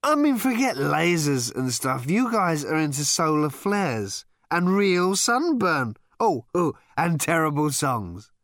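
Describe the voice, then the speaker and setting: A man's voice: fairly high pitch, big pitch swings, slow pace, few pauses, fairly bright tone, dry recording, studio quality, voice pushed up, exaggerated voice. A man voicing a drunk male alien traveller who rambles in a slurred, overfamiliar way. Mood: tipsy, rambling.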